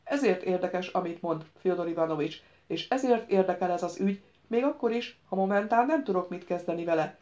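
A woman reading an audiobook, voicing a stout, mustached male official who speaks in a calm, lecturing, firm way. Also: on the low side, few pauses, highs cut off, lightly acted.

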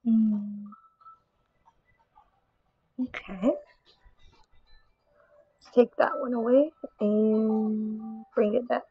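A woman's voice: on the high side, steady tone, extremely slow, long pauses, breathy edge, dry recording, narrow, tinny audio, soft background music. A woman with a Southern American accent hosting a casual painting vlog, talking to herself as she works and often dropping to a mutter or whisper. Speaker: art channel host.

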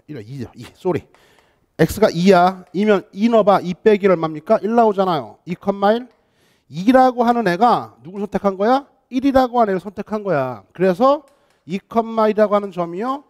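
A man teaching a math lesson online, lively and coaxing, often checking whether students follow and mixing polite and casual speech. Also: sits high.

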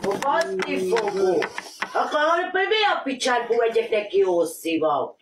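Woman, lively swinging pitch, sarcastic, swearing, roomy echo, heard from across the room. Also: noisy background. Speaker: wife. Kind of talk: heated family livestream. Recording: echoey and far from the mic.

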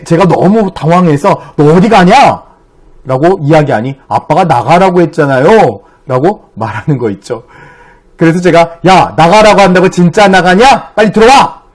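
Earnest pastor giving a morning devotion. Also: male voice, a little high, a little mellow. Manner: earnest, addressing listeners directly.

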